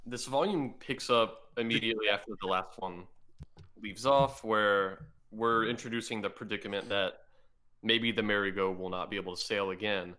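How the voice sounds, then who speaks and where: A man's voice: lowish voice, normal speed, sharp tone. A man co-hosting a podcast in casual chat, explaining ideas step by step as he thinks aloud. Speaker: podcast co-host.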